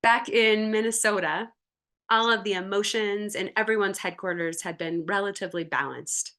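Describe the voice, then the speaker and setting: A woman's voice: mid-range voice, normal speed, fairly bright tone. A woman giving a sermon in a church, retelling a film scene in a storytelling manner with short voiced quotes. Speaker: lay speaker giving the sermon. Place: church sanctuary during a service.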